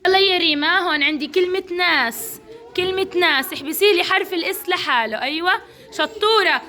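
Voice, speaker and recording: A woman's voice: very high voice, brisk, sharp tone. A woman with a Levantine Arabic accent teaching a kindergarten class, encouraging and praising each child by name. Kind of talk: classroom instruction.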